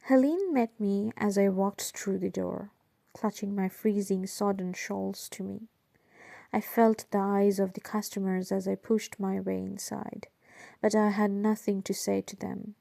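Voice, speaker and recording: A woman narrating a novel in the first person, measured and steady. Her voice is dark and gravelly with some fry, and she reads slowly into a close, dry mic. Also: mid-range voice, no echo. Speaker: audiobook reader.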